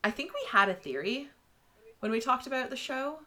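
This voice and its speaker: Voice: high voice, lively intonation, normal speed, bright, forceful tone. A podcast co-host in a casual book discussion, chatty with many fillers, reading passages aloud.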